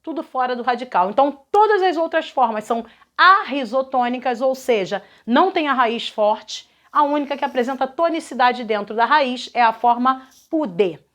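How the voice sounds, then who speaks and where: A Brazilian woman with a high voice teaches a recorded grammar lesson, working through exercises one by one. She explains patiently and keeps checking that her students follow along. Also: lively intonation, moderate pace, a bit bright. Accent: Brazilian Portuguese. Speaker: Portuguese teacher.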